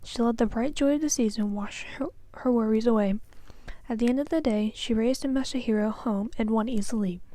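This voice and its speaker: A woman student reading a children's novel aloud in a careful, soft, breathy manner, with occasional small slips. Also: on the high side, brisk, dry recording. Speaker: student reader.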